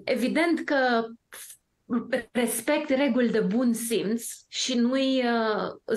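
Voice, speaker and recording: Talk show guest: woman from Romania, brightish pitch, emphatic and sure of herself. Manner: emphatic, self-assured storytelling. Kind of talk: casual talk-show discussion.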